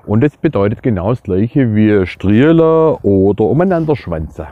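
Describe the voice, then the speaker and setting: A man's voice: fairly low pitch, expressive, normal speed, no room sound, phone-quality sound. A man with a Swabian accent explaining things casually and colloquially, speaking directly to his viewers as in a vlog. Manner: colloquial, addressing listeners directly. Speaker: dialect explainer.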